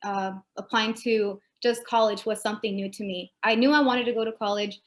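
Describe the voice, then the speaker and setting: A woman answers a panel question over a video call, her delivery level and even with little rise and fall. She speaks conversationally, leaning on fillers as she thinks aloud. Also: medium pitch, fairly quick. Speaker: panelist, first-generation student.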